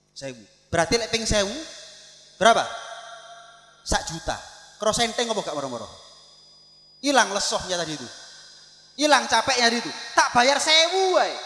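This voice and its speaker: A man preaches a sermon in a high voice, acting out calls and replies as he tells his stories. His voice rings through a roomy hall with a long echo. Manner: animated storytelling, acts out shouted calls. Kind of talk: religious sermon. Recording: echoey hall with long reverb.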